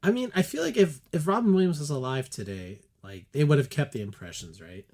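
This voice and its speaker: A man's voice: a little high, brisk. Chatty man co-hosting a film podcast. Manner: animated, chatty, many fillers. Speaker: podcast co-host. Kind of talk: casual film discussion.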